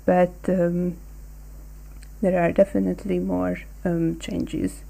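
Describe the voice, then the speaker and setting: A woman's voice: lowish voice, level tone, slow, gravelly, mellow, low-quality recording. A young woman from Hungary co-hosting a casual discussion podcast, talking hesitantly with many ums. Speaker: podcast co-host.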